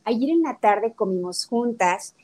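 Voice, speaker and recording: Animated middle-aged Mexican woman, higher voice. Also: a little slow. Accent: Mexican Spanish. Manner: animated storytelling, acts out quotes of her daughter. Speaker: guest nutrition speaker. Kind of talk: conversational talk interview.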